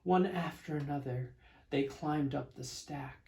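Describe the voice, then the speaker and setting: A man reading a children's storybook aloud as narrator, with expressive, dramatic emphasis. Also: fairly high pitch, unhurried, vocal fry.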